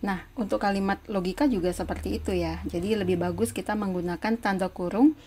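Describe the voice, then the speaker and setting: A woman's voice: mid-range voice, steady tone, brisk, a little mellow, a little hiss or hum. A middle-aged woman lecturer giving a recorded university lesson, explaining patiently step by step and checking in with her students after almost every sentence. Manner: patient, explains step by step, many tag questions.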